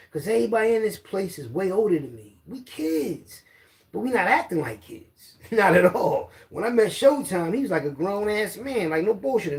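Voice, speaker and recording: Middle-aged man, Philadelphia accent, gravelly and slightly high, casual rambling storyteller. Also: a little mellow. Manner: loose street slang, rambling recollection. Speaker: storyteller guest.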